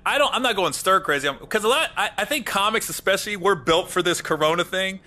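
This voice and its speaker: A man's voice: high-pitched, lively intonation, fast talker, sharp tone. A male comedian hosting a podcast, chatting casually, laughing easily and agreeing often.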